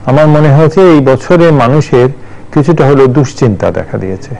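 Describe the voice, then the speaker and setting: A man's voice: medium pitch, moderate pace, creaky, a little mellow, low-quality recording. A man in his sixties, a journalist and university teacher, giving thoughtful studio commentary with many restarts and fillers. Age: 60s.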